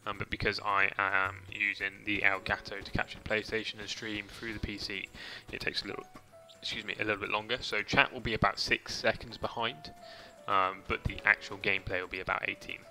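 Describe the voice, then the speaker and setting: A man's voice: on the low side, little pitch movement, fairly quick, few pauses, pushed and bright, faint music behind. A man casually rambling through a game stream, chatting to viewers with mild swearing. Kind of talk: casual gameplay commentary.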